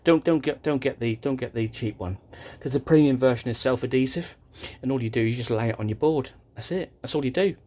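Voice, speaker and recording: Brief: male hobby vlogger, rambling and self-interrupting, mid-pitched and casual, talking to a tripod camera. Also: fairly quick, a little mellow. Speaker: model railway vlogger. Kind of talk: casual show-and-tell vlog. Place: indoor room with a model railway layout.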